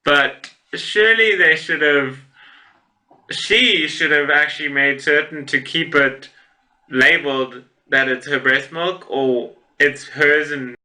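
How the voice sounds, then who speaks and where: A man talks casually over funny posts in a reaction video, amused and laughing often. His voice is strikingly bright and a little high. He speaks at an unhurried, drawn-out pace, rambling through fillers and restarts. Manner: amused, laughs often while reading and commenting; rambling, with many fillers and self-corrections.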